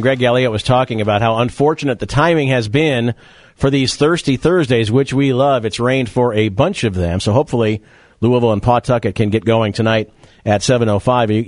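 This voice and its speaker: A man's voice: medium pitch, no room sound. Chatty male sports radio host. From Rochester, New York area. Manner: chatty, wry asides, rattling off details. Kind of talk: sports talk radio monologue and live read. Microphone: studio mic.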